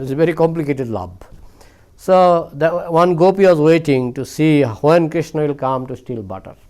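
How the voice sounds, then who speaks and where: A man telling a devotional story, often repeating phrases and adding "you know". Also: fairly high pitch. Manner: repetitive, with frequent "you know" and "I mean". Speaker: spiritual speaker.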